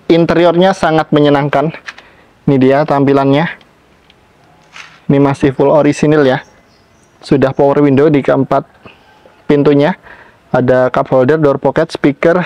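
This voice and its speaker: A man's voice: a little high, a little mellow, lo-fi sound. A man presenting used cars in a salesmanlike walkaround, talking up each feature. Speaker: used car seller presenting stock.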